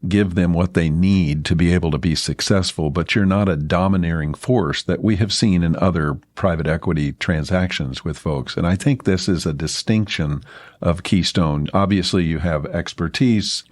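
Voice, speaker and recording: A man's voice: deep voice, normal speed, dry recording. A man hosting an interview, reflecting on what the guest said and affirming him with a personal anecdote. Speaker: podcast host. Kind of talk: interview commentary.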